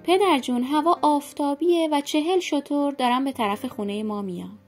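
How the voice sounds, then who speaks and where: A woman's voice: high voice, soft background music, close to an everyday voice. A woman voicing a kind young daughter in a folk tale, speaking tenderly and with care. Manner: tender, caring.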